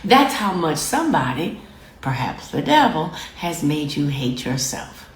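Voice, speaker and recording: Her voice is low with big pitch swings and a slightly slow delivery, heard in an echoey room with slight background noise. As host of her own show, she addresses viewers directly to camera, warm yet firm, calling them babies and fam and repeating lines to drive points home.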